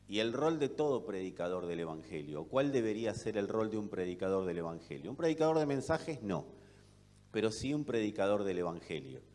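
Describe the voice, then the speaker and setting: Argentine preacher in a reverberant hall. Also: male voice, lowish voice. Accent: Argentine Spanish. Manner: rhetorical questions, swings between loud and soft. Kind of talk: sermon. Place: church hall. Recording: long reverb of a church hall.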